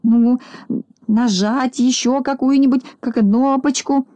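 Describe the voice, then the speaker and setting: A chubby, food-loving little boy from a storybook, shy and mumbling, as a woman reading aloud puts him on. His voice sits high with a mellow, soft tone. The recording is close and dry. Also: fairly even intonation, takes it slowly, no room sound. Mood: whiny. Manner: mumbling, timid, whiny. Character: timid, chubby, greedy little boy shorty.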